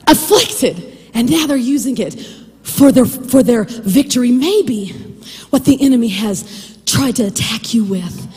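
A woman preaching with a high voice. Her delivery swings widely in pitch as she drives her points home, often rising to near-shouts. The sound carries a long reverb tail. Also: measured pace, slightly rough. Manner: animated, preachy, shouts and laughs for emphasis. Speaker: podcast host and Bible teacher. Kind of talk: preaching devotional podcast.

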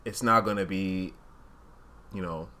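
A Uganda-born man raised in Rwandan culture speaks candidly and casually as a podcast co-host, thinking aloud and often hedging while reasoning through his points. His voice sits low, unhurried, bright, and forceful.

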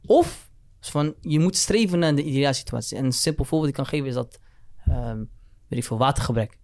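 A man's voice: medium pitch, brisk, a little mellow. A young man gives his opinions in casual discussion, mixing slang with English words.

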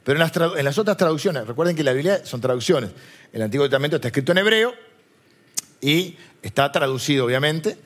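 A man's voice: on the high side, expressive, fast talker. A man with a Rioplatense Spanish accent preaching a chatty, digressive sermon and often asking his listeners questions. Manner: chatty, digressive, asks the audience. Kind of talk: conversational sermon.

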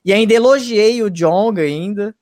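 A man's voice: high-pitched, normal speed, a little mellow, no room sound. A man telling his story as a guest in a casual interview, slangy and emphatic, swearing freely and often checking in with his listeners. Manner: emphatic, often asks "tá ligado?". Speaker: guest, YouTube reaction channel host.

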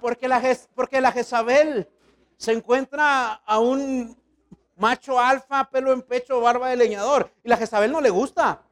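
A man's voice: extremely high pitch, fairly even intonation, moderate pace. A man, a pastor preaching a sermon in a colloquial, storytelling way.

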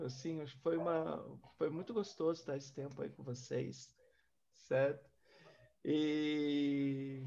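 Affectionate man leading a study group. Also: on the high side. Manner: affectionate, exclamatory, reacts with "nossa". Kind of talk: casual group chat. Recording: dull lo-fi sound.

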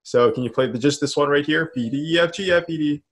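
A man's voice: a little high, quick pace. A man teaching a one-on-one instrument lesson, casual and patient, calling out counts and notes with easy encouragement. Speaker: music teacher. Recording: instrument playing behind the voice.

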